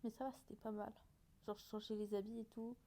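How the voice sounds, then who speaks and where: A woman's voice: mid-range voice, flat delivery, a little fast, dark tone. A woman chatting casually and hesitantly as she reacts to her own old videos, often mocking herself.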